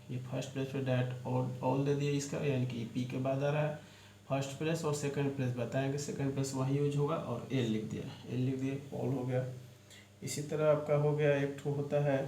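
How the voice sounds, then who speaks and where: In an echoey room with faint ambient noise, a man with a warm, medium-pitched voice teaches a shorthand lesson online. He explains things step by step and spells words out letter by letter.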